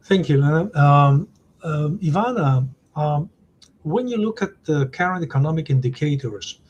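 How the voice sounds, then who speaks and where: A man's voice: fairly high pitch, animated, normal speed, a little mellow, lo-fi sound, slight background noise. A man moderating a panel discussion, asking questions hesitantly with many fillers.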